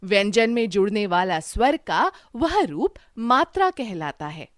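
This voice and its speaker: A woman's voice: mid-range voice, lively intonation, a little slow, no echo, studio quality. A woman teacher narrating a scripted lesson, reading out letters and words one at a time with careful stress.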